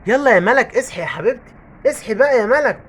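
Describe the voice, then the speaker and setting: A woman's voice: fairly high pitch, lively intonation, rapid-fire, lightly acted. A woman voicing a caring, jumpy father with an Egyptian Arabic accent, fussing and exclaiming. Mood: worried.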